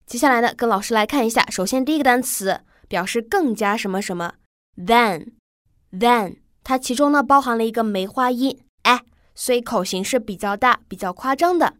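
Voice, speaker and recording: A woman English teacher leads a pronunciation lesson in a slightly raised voice. She prompts her students in a friendly way and drills each word slowly and distinctly. The sound is close and dry, with no room echo. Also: a little high, a bit bright. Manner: drills words slowly and clearly for repetition.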